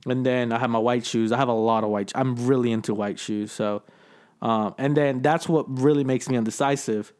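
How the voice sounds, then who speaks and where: A man's voice: mid-range voice, steady tone, fairly quick, a little mellow, smooth. A young man co-hosting a casual podcast chat, rambling and peppering his talk with dude and bro. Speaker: podcast co-host.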